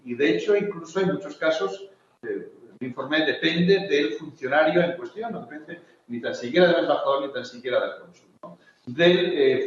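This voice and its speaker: A man from Spain speaking on a conference panel, hesitant, with many fillers and restarts. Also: fairly high pitch. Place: large conference hall. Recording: echoey hall, distant, dull lo-fi.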